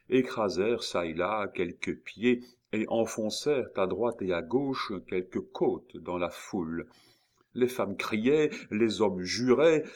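A man narrating a classic novel in a measured reading with occasional hesitant fillers. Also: lowish voice. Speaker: audiobook narrator.

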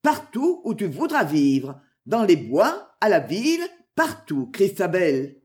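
An ardent young knight from a storybook, earnest with his beloved and curt with servants, read by a woman in her own voice. The delivery is lively, rising and falling through each sentence. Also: lowish voice, slow pace. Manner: earnest, imperious.

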